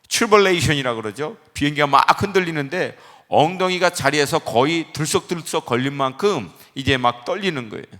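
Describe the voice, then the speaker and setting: A man who is a pastor, preaching a Friday-service sermon in animated storytelling style, acting out the quotes in his stories. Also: a little high, big-room sound. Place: church sanctuary.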